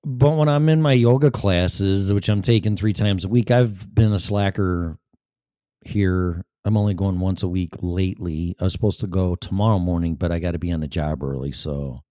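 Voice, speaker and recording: The recording is dry and clean, studio-grade, carrying a deep, mellow male voice at a moderate pace. With his Chicago accent, he hosts a live-stream show as a casual, rambling monologue, chatty, profane, and self-deprecating.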